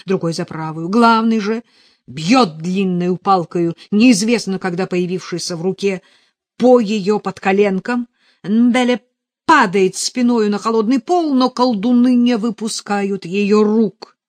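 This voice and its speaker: A woman reading an audiobook in measured, dramatic storytelling narration. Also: medium pitch, a little mellow, no echo. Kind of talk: scripted narration.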